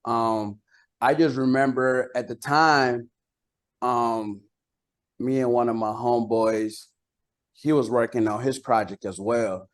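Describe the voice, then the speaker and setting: A bilingual rapper and songwriter from San Jose, Costa Rica, native in Spanish, speaks in a mid-range voice with a steady tone, taking things slowly. As a guest in a casual interview chat, he's colloquial and keeps dropping "like" and "you know."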